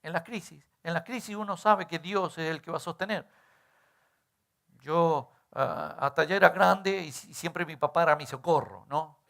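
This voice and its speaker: Gravelly-voiced pastor preaching. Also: male voice, fairly high pitch, moderate pace, fairly bright tone. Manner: conversational preaching with frequent rhetorical questions. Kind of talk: sermon.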